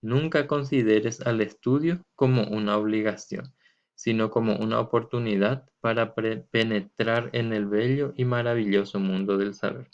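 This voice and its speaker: A man with a fairly low voice delivers a recorded classroom lesson. He explains step by step and with patience, drawing words out to mark their stressed syllables. The sound is muffled and lo-fi. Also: fairly even intonation, moderate pace. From Paraguay. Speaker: teacher. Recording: dull lo-fi recording.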